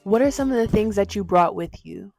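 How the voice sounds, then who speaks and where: A woman's voice: mid-range voice, a little fast, darkish tone, no echo, faint music behind. A woman interviewing a guest casually, often finishing the guest's sentences for her.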